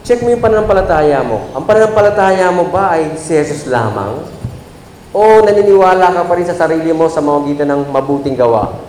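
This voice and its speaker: Preaching man in an echoey hall. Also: animated. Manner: preaching with wide swings in pitch and loudness, slow emphatic Scripture reading. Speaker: pastor. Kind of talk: sermon. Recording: echoey hall with faint background noise.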